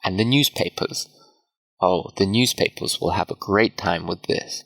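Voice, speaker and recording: A man voicing a stern, cold middle-aged father who lectures his daughter, in a slow read-aloud manner. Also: deep voice, gravelly, fairly bright tone, heavily acted, rough recording. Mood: cold, lecturing.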